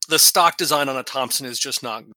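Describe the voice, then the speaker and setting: Bright, dry-sounding male podcast co-host. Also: medium pitch, a little fast, no echo. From New York. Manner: enthusiastic, rambling with restarts. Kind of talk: casual podcast chat.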